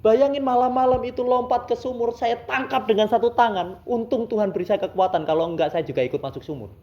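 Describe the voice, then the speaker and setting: A man's voice: extremely high pitch, fast talker, warm tone, slight background noise. Man preaching in a roomy hall. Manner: conversational, asks the congregation rhetorical questions. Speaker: pastor. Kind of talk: sermon storytelling. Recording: roomy, dull sound.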